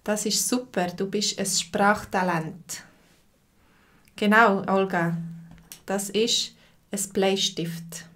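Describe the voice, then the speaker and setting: A woman with a Swiss German accent teaching a live online language lesson, speaking slowly and clearly and repeating phrases for learners. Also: mid-range voice, fairly even intonation, a bit bright.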